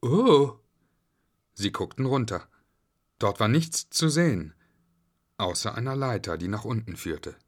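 A man reading a children's story aloud in a slow, expressive way. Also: lowish voice. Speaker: narrator.

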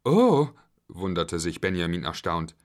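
Slow expressive male storyteller. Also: low-pitched. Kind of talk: reading a bedtime story.

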